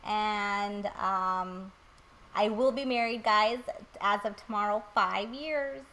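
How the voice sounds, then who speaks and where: A woman's voice: mid-range voice, takes it slowly, a bit bright, a little hiss or hum, rough recording. A woman in her late twenties chatting casually on a podcast, laughing and joking about herself. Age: late 20s. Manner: laughing, self-deprecating. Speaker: podcast co-host. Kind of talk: casual chat.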